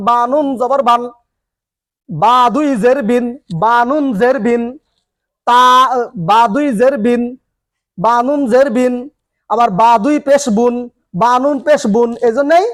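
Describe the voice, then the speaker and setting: In a classroom with a board and students, a male Quran reading teacher with a very high-pitched voice leads a lesson. He drills each rule repeatedly, asking the class a question and then answering it himself.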